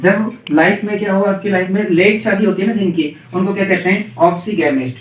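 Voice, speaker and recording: A man teaches vocabulary with a Hindi accent, drilling each word by asking it again and again. His voice sits high for a man. The recording is roomy and echoey, with the mic placed a little away from him. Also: a little fast. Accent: Hindi-accented English. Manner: repeats questions and has students echo answers. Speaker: English teacher. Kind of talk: classroom vocabulary lesson. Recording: echoey room, mic at a distance.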